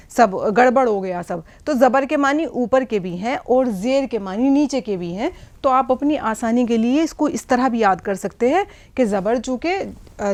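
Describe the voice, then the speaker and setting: A woman's voice: fairly high pitch, darkish tone. A middle-aged woman teaching a language lesson at a board, explaining patiently and often checking that listeners follow. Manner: patient explaining, frequent checks like "hai na?" and "theek hai". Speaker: Urdu teacher.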